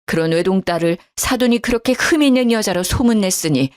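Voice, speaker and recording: A woman's voice: mid-range voice, brisk, close to an everyday voice. An indignant older mother on the phone in a storybook drama, read by a woman narrator. Her talk runs agitated and protective, the voice swinging up when she is outraged and sinking when she backs off. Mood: subdued.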